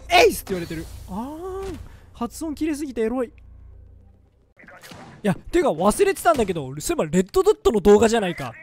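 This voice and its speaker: Brief: male gameplay commentator, playful and jokey, lively swooping delivery, sudden yelps in tense moments. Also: very high-pitched. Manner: excitable, jokey, bursts into loud yelps during fights. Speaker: gaming commentator. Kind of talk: let's-play game commentary.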